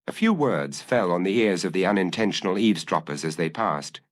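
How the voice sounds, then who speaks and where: A man narrating a dramatic audiobook in a measured storytelling manner. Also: low-pitched, very animated.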